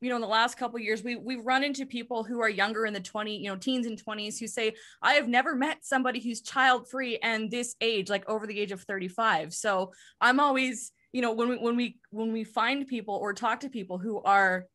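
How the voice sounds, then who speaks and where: Woman in her thirties, bubbly, laughing, bright sharp voice, video call. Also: on the high side. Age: 30s. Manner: bubbly, laughing, halting restarts. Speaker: podcast co-host. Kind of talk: casual video-call conversation.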